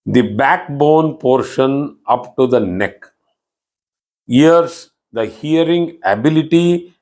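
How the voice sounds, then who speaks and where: A man's voice: medium pitch, darkish tone. A middle-aged man with a South Indian accent, giving a recorded astrology lesson in an explanatory style, often restarting phrases. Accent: South Indian English. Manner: explanatory, repeats words and restarts, frequent "you know". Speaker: astrology teacher. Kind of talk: online class lecture.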